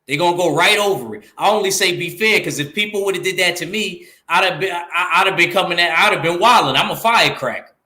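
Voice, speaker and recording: A man's voice: sits high, fast, hardly any pauses, reverberant. A man with a New York accent, co-hosting a casual boxing talk show and making his point emphatically, repeating lines for effect. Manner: animated, emphatic, repeats himself. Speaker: podcast co-host.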